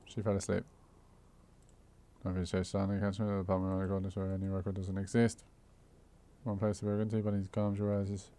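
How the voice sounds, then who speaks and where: A man's voice: low-pitched, completely flat delivery, fairly quick, pauses often, mellow. A man hosting a gaming video, reading a story game aloud with casual commentary and a sleepy, yawning manner, skimming text with "blah blah.". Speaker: gaming channel host.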